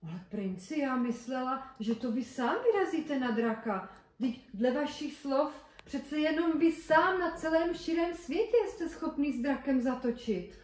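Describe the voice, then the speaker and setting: A woman playing a spirited, sharp-tongued young princess in a puppet-theatre fairy tale. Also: high voice, lively intonation. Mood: eager, coaxing. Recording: echoey room, faint noise.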